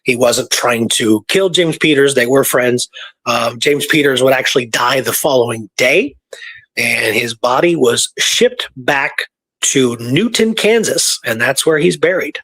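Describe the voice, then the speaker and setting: A man hosts a casual history storytelling podcast, presenting research and going over dates and records in detail. His mid-range voice is measured, a bit bright, and husky, and the recording is rough.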